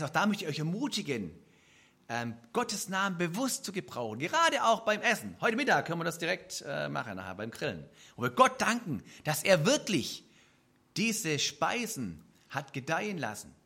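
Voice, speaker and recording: A man preaching a sermon to a congregation in an earnest, lively way, softening his voice for quoted prayers. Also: on the high side, vocal fry, husky. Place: church service.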